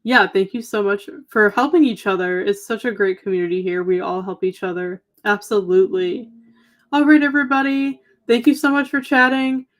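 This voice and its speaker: A woman's voice: medium pitch, flat delivery, moderate pace. Young adult woman, livestream co-host, casual filler-heavy chat, slightly tired voice. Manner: chatty, lots of "um" and "like". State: slightly losing her voice. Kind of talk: casual chat reading viewer comments.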